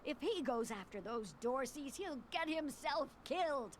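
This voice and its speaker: A woman's voice: high-pitched, lively intonation, measured pace, a little hiss or hum. An actress playing a worried, exasperated small-town woman in a video game, scolding. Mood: exasperated, pleading. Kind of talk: video game character acting.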